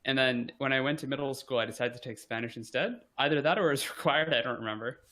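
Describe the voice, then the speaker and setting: A fast-talking young man with a medium-pitched voice appears as a podcast guest for a casual chat. He's easygoing and rambly, relying on "like" as filler and regularly downplaying himself.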